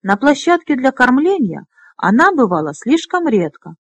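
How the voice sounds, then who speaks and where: A woman's voice: sits high, big pitch swings, normal speed, slightly rough, no room sound, pitched above the performer's own voice, exaggerated voice. A woman voicing a drowsy, fretful older male dragonrider who mumbles hesitantly, in a fantasy audiobook. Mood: mumbling.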